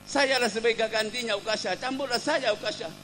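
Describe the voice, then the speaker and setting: A man's voice: fast talker, noisy background. A man voicing an earnest, devoted young grandson in a raised voice. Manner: high, earnest offering.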